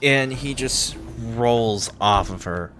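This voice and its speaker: A man running a tabletop game as game master, narrating the action and getting excited at big rolls. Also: mid-range voice, slow. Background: background music.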